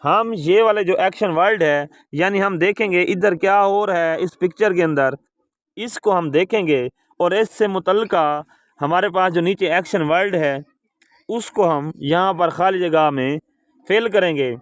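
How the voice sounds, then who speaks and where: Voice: medium pitch, measured pace, no echo. Teacher, call-and-response English lesson, spells words letter by letter, calls pupils "beta".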